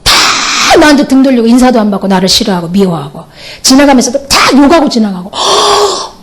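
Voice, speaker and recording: A middle-aged pastor's wife giving a lively testimony sermon, laughing often and mimicking other people's voices. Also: female voice, on the high side, brisk.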